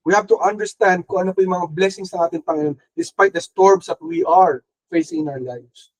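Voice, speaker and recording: A young adult man with a Filipino accent delivers a sermon in a high voice. He moves freely between Tagalog and English and gives voice to the people in his story. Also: fairly even intonation, a little fast, poor audio. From Philippines. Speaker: pastor.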